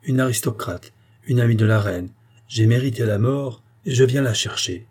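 A man reading the part of a proud, doomed young noblewoman who speaks in a gentle yet firm, grave way. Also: medium pitch, normal speed, breathy edge, lightly acted.

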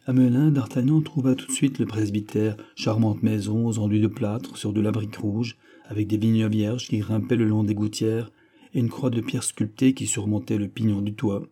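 A man reading a classic novel as an audiobook, in an even storytelling narration. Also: on the low side, normal speed. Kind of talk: scripted narration.

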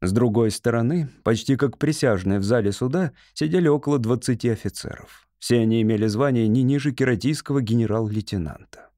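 A man narrating an audiobook in an even, steady reading voice. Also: mid-range voice, a little fast, hardly any pauses, no room sound, studio quality. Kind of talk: scripted narration.

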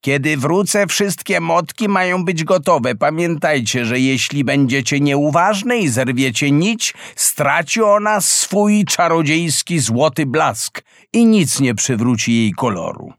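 A man's voice: on the high side, animated, slow pace, fairly bright tone, no room sound, heavily acted. A cruel witch stepmother from a storybook, as a man reads her. She speaks sternly and with threat, her voice lifted and swinging widely. The sound is dry and close. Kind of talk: storybook reading.

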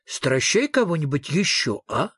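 A calm, kindly inventor speaks gently and persuasively, in a husky, slightly raised voice, as a man reading an audiobook plays him. The recording is dry and close. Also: a little high, a little slow, no room sound, heavily acted.

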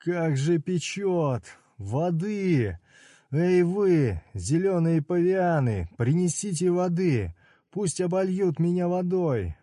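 A man voicing a frantic, hot-tempered man yelling in burning pain, his voice pushed high and shrill. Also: sing-song, slow, no echo, clean studio sound, heavily acted.

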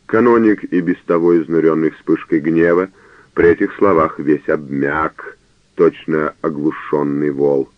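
A man giving a measured, dramatic scripted narration of a novel, on a narrow phone-like radio recording. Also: rumbling low, fairly even intonation, dry recording.

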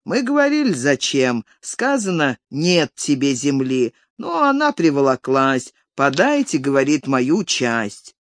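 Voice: medium pitch, big pitch swings, a little slow, few pauses, no room sound, clean studio sound. A reader voicing a toothless old peasant man who mumbles his complaint in an audiobook story. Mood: mumbling.

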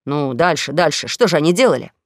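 A woman's voice: deep voice, expressive, fast talker, no echo, clean studio sound, pitched below the performer's own voice. A woman voicing a sly male con man who poses as a duke, talking in a mocking, sardonic way. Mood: probing.

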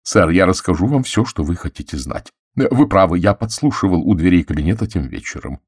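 A man performs an audiobook character, a middle-aged butler who is anxious and subservient, stammering and begging at a slow pace. His low voice is animated and a little rough, recorded in clean studio sound with no room sound.

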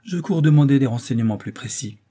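A man's voice: medium pitch, animated, fast, mellow, close to an everyday voice. A man voicing a portly, ambitious older count who questions urgently and anxiously in an audiobook reading.

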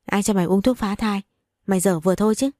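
A woman's voice: medium pitch, darkish tone, no room sound, clean studio sound, natural voice. A woman playing a foul-mouthed spiteful nurse. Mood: contemptuous. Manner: foul-mouthed, contemptuous, fast.

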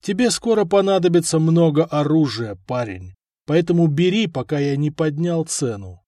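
Cunning old-world merchant, icy calm, voiced by a male narrator. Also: on the high side, moderate pace, dry recording, studio quality. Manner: icy, calculating.

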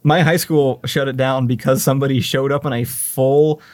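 A young man in a relaxed podcast chat, telling stories with a self-deprecating chuckle. His voice sits at a middle pitch, and the recording is dry and close. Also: normal speed, no echo. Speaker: podcast co-host. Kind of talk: casual chat.

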